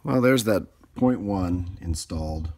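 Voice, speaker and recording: Thinking aloud while he repairs things at an indoor bench, a hobbyist runs a relaxed, unscripted hands-on tutorial. His voice is low-pitched, darkish and expressive, and he speaks slowly, with slight background noise.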